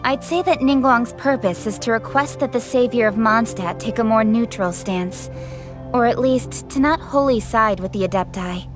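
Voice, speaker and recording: An actress voicing a brisk, direct young noblewoman official in a video game. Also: fairly high pitch, music in the background, lightly acted. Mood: stern. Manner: crisp, direct, a little sharp.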